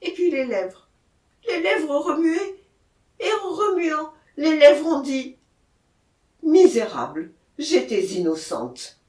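A man's voice: very high voice, sing-song, takes it slowly, a little mellow, recorded from a distance, voice pushed up, full character voice. A woman reading an audiobook, voicing a terrified man who confesses to a killing, frantic and pleading. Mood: haunted. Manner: frantic, pleading, rising to cries. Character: terrified male gravedigger-murderer, pleading. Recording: echoey room.

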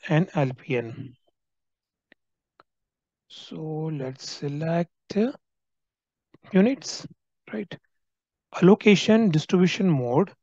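A man teaches a software tutorial over a screen recording, moving at an unhurried pace with a mellow, fairly high voice. He explains each setting step by step and often tags his points with "right?". The sound is dry and a little dull, as from a basic computer mic. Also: dry recording. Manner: explanatory, frequent tag "right?". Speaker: software trainer.

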